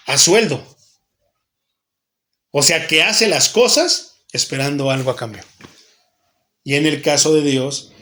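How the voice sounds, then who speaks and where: A man's voice: a little high, fairly bright tone. A Mexican pastor preaching an earnest sermon to his church, asking himself questions and answering them, often repeating and restarting phrases.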